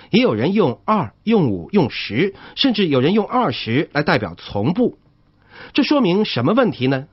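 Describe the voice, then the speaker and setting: A man's voice: on the high side, husky. A man giving a motivational talk on listening, explaining step by step and putting questions to the audience. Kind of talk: motivational lecture. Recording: dull lo-fi recording.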